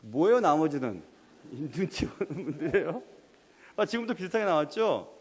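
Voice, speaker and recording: A man's voice: a little high, big pitch swings, normal speed, slightly rough. A young man preaching a sermon as pastor, quizzing his congregation and pressing them on their answers. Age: young adult. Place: church sanctuary. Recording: long hall reverb.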